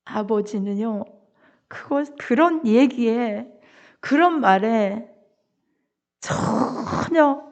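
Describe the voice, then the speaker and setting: A middle-aged woman pastor preaching a sermon and acting out a father's words with feeling. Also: on the high side. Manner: acts out the father's words with emotion.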